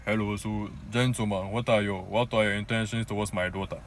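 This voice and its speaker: A man's voice: fairly low pitch, steady tone, a little hiss or hum, pitched below the performer's own voice, close to an everyday voice. A man voicing a stern older father who interrogates his daughter's date in a put-on accent. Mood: interrogating. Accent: odd put-on accent. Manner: blunt rapid-fire questioning.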